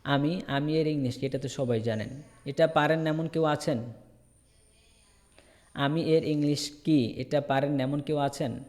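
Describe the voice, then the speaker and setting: A man's voice: on the high side, steady tone, a little slow, long pauses, a little mellow, big-room sound. A Bangladeshi man teaching English in an online class, repeating each word and answering his own questions. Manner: repetitive drilling, asks and answers himself. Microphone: video call.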